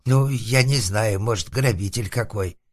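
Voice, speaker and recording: A man voicing a timid, easily frightened hermit who whines and wails in a shrill, trembling voice, in an audiobook. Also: expressive, measured pace. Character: frightened, whimpering male hermit behind a door.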